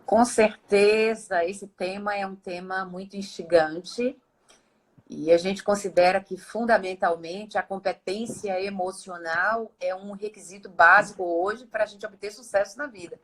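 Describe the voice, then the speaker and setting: A woman, explaining as a guest expert in a steady, didactic way, often ending points with tag questions. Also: medium pitch, a little slow, rough recording. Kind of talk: explanatory conversation.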